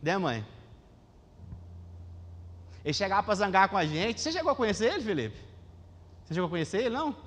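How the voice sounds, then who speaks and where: A young Brazilian man preaching a sermon as pastor, animated and questioning the congregation. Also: high-pitched, fairly quick, pauses often. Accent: Brazilian Portuguese. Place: church hall. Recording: long church hall reverb.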